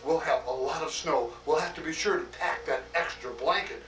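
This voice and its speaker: A man performs a hearty, grandfatherly Santa Claus who chuckles and muses aloud with plenty of "oh" and "why". The voice sits somewhat high for a man and is heard from a distance in an echoey room. Faint music plays underneath. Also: fairly bright tone, close to an everyday voice. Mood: jolly. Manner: chuckling often, slow homely delivery with many "oh" and "why". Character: jolly old Santa Claus, hearty and fatherly. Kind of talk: acted monologue for a personalized greeting video.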